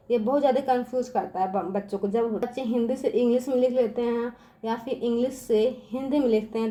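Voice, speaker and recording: Patient woman teacher, high voice. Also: dark tone. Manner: repeats "theek hai" constantly, patient and drawn-out; addresses viewers as children. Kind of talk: spelling lesson for children.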